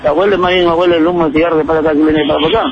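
A man's voice: fairly high pitch, level tone, racing, lo-fi sound, slight background noise. A man from Peru, an incense seller rambling earnestly with lots of fillers in a street interview. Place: flower shop by a busy avenue.

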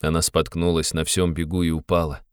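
Guy reading an audiobook, smooth resonant voice, steady. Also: extremely low pitch, a little fast, no echo, clean studio sound. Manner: steady literary narration. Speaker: narrator.

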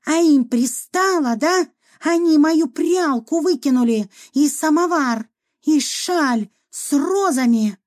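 A woman voicing a quarrelsome old peasant woman ghost, shrill and scolding. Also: measured pace, few pauses, a little mellow. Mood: furious.

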